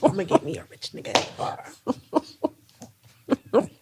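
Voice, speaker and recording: A woman's voice: normal speed, noisy background. A young woman from New Jersey co-hosting a podcast in casual chat, joking and laughing often. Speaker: podcast co-host.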